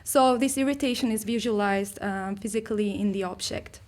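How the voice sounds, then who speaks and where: A woman presents her artistic research at a conference. Her pitch sits in the middle range. She talks hesitantly, filling pauses with ums and restarting her sentences. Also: a little mellow. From Turkey. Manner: hesitant, many fillers and restarts. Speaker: artist and researcher giving a talk. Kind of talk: conference talk.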